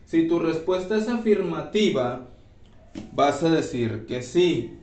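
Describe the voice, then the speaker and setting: A man teaching an English grammar class, explaining slowly and checking in with his students often. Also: fairly high pitch, animated, darkish tone. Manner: slow, repeats and checks with "¿sí?". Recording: echoey room, voice from far off.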